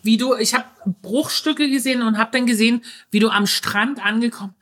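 A woman's voice: a little high, fairly quick, fairly bright tone. Blunt, chatty woman comedian. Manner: frank, blunt, colloquial, with restarts. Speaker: stage comedian, podcast guest. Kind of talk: casual chat.

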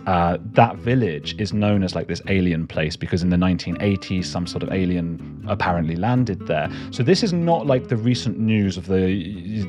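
A man's voice: deep voice, a little mellow. A man, a documentary maker, telling rambling, self-deprecating stories in a casual chat as a guest.

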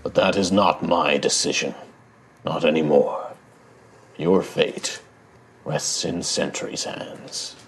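An ancient giant of metal and stone played by a man at a gaming table speaks in a very low rumble. He is slow, solemn and formal, with clear noise in the background. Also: fairly even intonation, full character voice. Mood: stern judgement. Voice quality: deep rumbling. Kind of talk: tabletop role-play acting.

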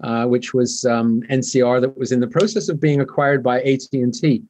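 Speaking at medium pitch with fairly even intonation, this older man from Canada is a business interview guest. His Canadian accent is softened, and his measured answers are dotted with frequent ums.

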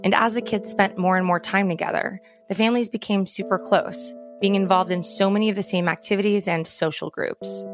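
A woman's voice: medium pitch, steady tone, fairly quick, hardly any pauses. An American woman co-hosting a podcast, reading scripted narration as a true crime narrator. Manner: true crime narrator, posing dramatic questions. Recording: music behind the voice.

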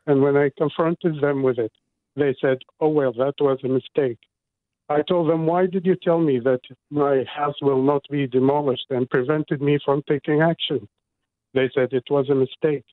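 A man's voice: fairly high pitch, steady tone, moderate pace, no room sound. A man from Iraq, a guest on a radio interview, speaking earnestly and indignantly about his home. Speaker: guest, resident. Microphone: phone. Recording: dry tinny phone line.

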